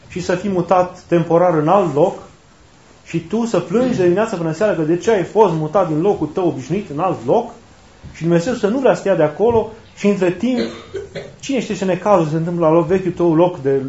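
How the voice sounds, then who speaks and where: This preacher's voice sits high and carries a dark tone. He delivers his sermon conversationally, posing rhetorical questions and circling back to the same key phrases, all captured in a roomy, dull lo-fi recording.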